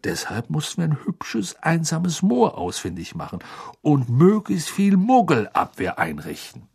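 Brief: man playing kindly wizard dad from a storybook, patient, slightly husky. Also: on the high side, wildly swooping pitch, unhurried, darkish tone, pitched above the performer's own voice, exaggerated voice. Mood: explaining. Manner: patient, explaining, sighing. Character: kindly middle-aged wizard father, patient explainer. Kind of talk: audiobook reading.

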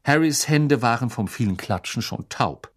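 Male audiobook narrator, animated, lively pitch, expressive telling. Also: normal speed, breathy edge. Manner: expressive storytelling. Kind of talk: scripted narration.

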